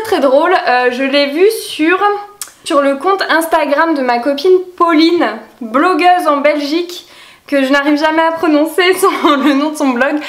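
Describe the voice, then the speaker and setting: A woman's voice: high-pitched, echoey room. A young woman vlogger chatting casually about her monthly favorites at home, with lots of fillers and easy laughs. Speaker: lifestyle vlogger. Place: home room with plants.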